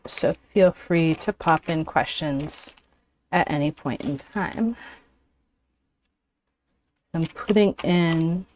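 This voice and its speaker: A woman hosting a casual livestream, chatting with pauses as she works and sounding a little out of breath. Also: deep voice, a little hiss or hum. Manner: unhurried, talks while working with frequent pauses. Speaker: origami livestream host. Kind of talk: casual livestream chat while folding.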